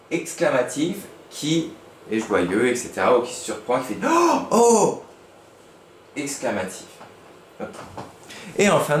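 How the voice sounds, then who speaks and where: A man teaching a class of young children, lively and playful, with a medium-pitched voice. He is recorded in an echoey room with a faint hiss behind him.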